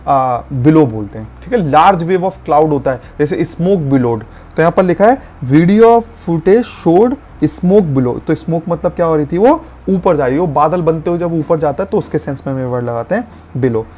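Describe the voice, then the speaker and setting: Man teaching vocabulary, slightly high voice. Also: expressive, a little mellow. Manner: explanatory, slows to spell and stress key words. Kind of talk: explaining vocabulary in Hindi mixed with English.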